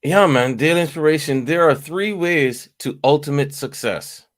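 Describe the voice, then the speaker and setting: A man co-hosting a casual daily talk show, relaxed and offhand. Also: on the high side, normal speed.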